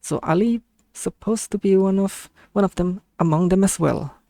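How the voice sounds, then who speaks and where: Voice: mid-range voice, moderate pace, warm tone, dry recording, clean studio sound. A streamer from Indonesia with an Indonesian accent, giving casual reaction commentary in a hesitant, self-correcting way, as if thinking aloud.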